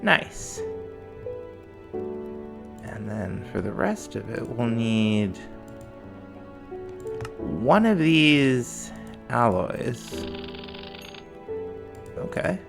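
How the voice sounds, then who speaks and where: A man casually narrating his modded game as a let's play host, thinking aloud in a relaxed, mumbling way, with faint music behind. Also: medium pitch, very slow, creaky, pauses often. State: morning voice. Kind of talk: casual gameplay commentary.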